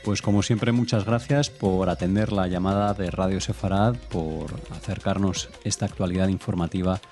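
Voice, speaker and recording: A man's voice: low-pitched, steady tone, normal speed, a little mellow, soft background music. A male radio host thanking a guest and closing the segment in a formal, courteous way. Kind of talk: radio sign-off.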